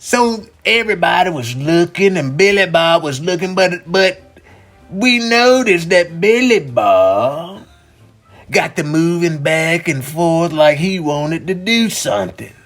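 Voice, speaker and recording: Acting as a dad and host, a man improvises a bedtime story for children, animated and stretching out his words while repeating phrases for emphasis. His voice is fairly high, and faint music plays behind him.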